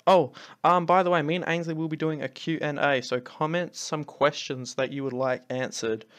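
A man's voice: fairly high pitch, fairly even intonation, normal speed, fairly bright tone. A man giving casual commentary over his own game replays, exasperated and ranting, swearing freely as his attacks fail. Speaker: clan leader and channel host.

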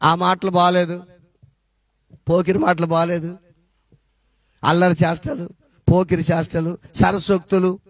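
Man, Rayalaseema accent, high voice, dry close sound, preaching with rhetorical questions. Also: no room sound. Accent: Rayalaseema Telugu. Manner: rhetorical questions, swings from loud to low. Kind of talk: sermon testimony. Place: church.

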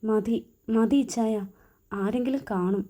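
A woman voicing a sharp-tongued young bride who is quick to sulk, speaking in an indignant way in a storybook reading. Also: a little high, natural voice. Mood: flustered. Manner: indignant, pleading.

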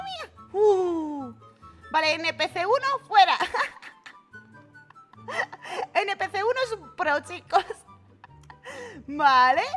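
A young woman with a Peninsular Spanish accent chatters through an online game, her voice very high and lively, jumping all over its range. She squeals and exclaims constantly, and game music plays behind her. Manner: excitable, giggly, exclamatory. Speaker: gaming channel host. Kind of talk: casual Roblox gameplay commentary.

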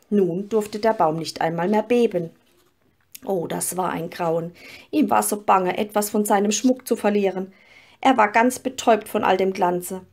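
Woman, storybook reading, expressive, mid-pitched voice, lifts for dialogue. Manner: expressive, rises for quoted speech. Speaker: reader.

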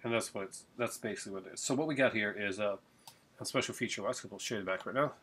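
Talking fast in a lowish, fairly bright voice, a middle-aged man unboxes a Blu-ray for his home vlog. He sits at his desk in a small indoor room, recorded by webcam, rambling casually with many fillers and restarts, and there's slight background noise.

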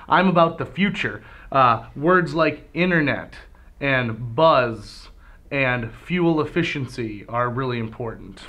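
Bright-voiced mock-serious man. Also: mid-range voice, lively intonation, takes it slowly, a little hiss or hum. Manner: mock-serious, rambling non-answers. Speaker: radio DJ. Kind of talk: mock debate comedy.

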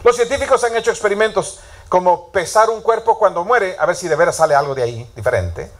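Guy preaching, pretty high voice, tells stories and keeps asking the crowd stuff. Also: quick pace. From Latin America. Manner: storytelling, asks the congregation questions. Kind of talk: sermon.

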